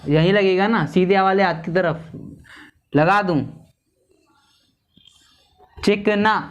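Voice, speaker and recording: A man teaching a lesson on vowel signs, slowly repeating and sounding out each syllable. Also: sits high. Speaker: Hindi teacher.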